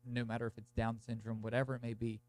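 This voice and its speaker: Introducing his podcast episode, a young host talks to listeners in an informal, wandering way, using "like" constantly. A cold has left him congested with a blocked nose and sore throat. His medium-pitched, darkish voice is monotone and quick, with slight background noise.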